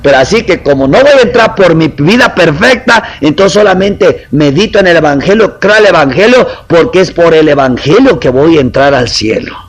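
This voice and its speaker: A man's voice: a little high, animated, normal speed, hardly any pauses, slightly rough, rough recording. A man preaching a sermon in a conversational way, acting out little quotes and asking the congregation questions.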